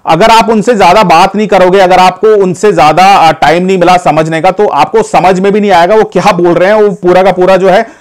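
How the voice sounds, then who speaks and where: Here the Indian advice vlogger talks fairly fast with hardly any pauses, his high-pitched voice keeping a fairly even intonation. Chatting casually to camera, he says "guys" a lot and fills his speech with hesitations and restarts.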